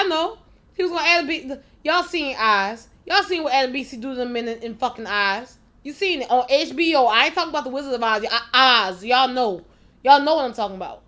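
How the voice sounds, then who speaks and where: A woman hosting a reaction video, talking straight to her viewers with loud, profane, laughing disbelief. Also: fairly high pitch. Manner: addresses viewers directly. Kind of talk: casual reaction commentary.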